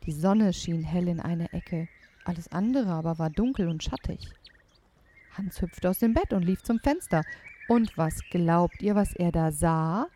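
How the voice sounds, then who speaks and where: A woman's voice: on the low side, measured pace, a little hiss or hum. A woman telling a fairy tale aloud to children, speaking to them directly. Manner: animated, addressing listeners directly. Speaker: storyteller.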